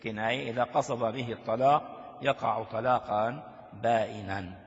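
Older sheikh teaching with gravelly voice. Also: male voice, medium pitch, steady tone. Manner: explains slowly, quizzes listeners with rhetorical questions. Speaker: sheikh teaching a hadith text. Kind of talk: classroom commentary on a classical text. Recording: lo-fi recording with long reverb in a hall.

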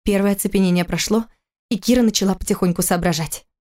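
A woman reading an audiobook aloud in a steady, even storytelling manner. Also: medium pitch, fast talker. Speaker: narrator. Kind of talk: audiobook narration.

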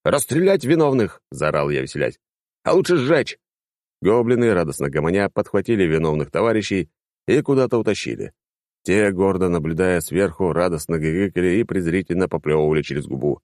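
A man reading a first-person audiobook in a wry, lively narration style. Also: quick pace, no echo, studio quality. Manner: lively, wry, sweeping pitch.

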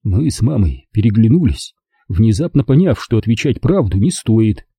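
A man reading a first-person audiobook in a calm, measured way. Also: on the low side, breathy edge, no room sound. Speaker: audiobook narrator.

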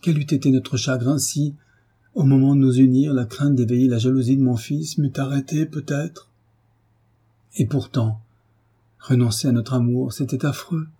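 A dying young mother, tender and devoted, speaking in soft, pleading tones, as a man reads her part. The voice is very dark and deep-toned, with a husky, breathy grain. It is an audiobook reading of a novel. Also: steady tone, normal speed. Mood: tender, sorrowful.

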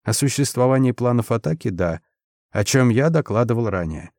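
A man's voice: mid-range voice, animated, a little mellow, no room sound, clean studio sound, close to an everyday voice. A man doing a gloomy intelligence chief. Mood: grim. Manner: slow, grim, firm. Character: gloomy male intelligence admiral, guarded.

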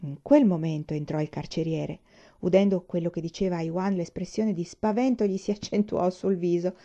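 Female audiobook reader, measured and expressive, dark mellow tone, dull lo-fi sound. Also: fairly low pitch. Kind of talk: literary audiobook reading. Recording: dull lo-fi recording.

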